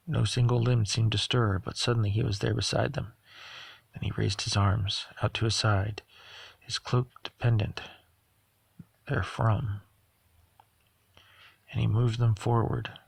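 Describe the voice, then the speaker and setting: A man narrating a novel aloud at a steady pace, sometimes stumbling over a word and correcting himself. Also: fairly low pitch, vocal fry, slightly rough, no room sound. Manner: steady reading with occasional stumbles and self-corrections. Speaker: audiobook reader. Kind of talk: audiobook narration.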